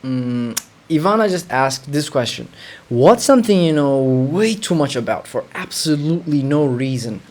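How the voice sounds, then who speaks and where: A man's voice: on the high side, animated, normal speed, darkish tone. A young man from Ethiopia, hosting a casual livestream. He is chatty, reads viewer comments aloud and hums while he thinks. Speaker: livestream host.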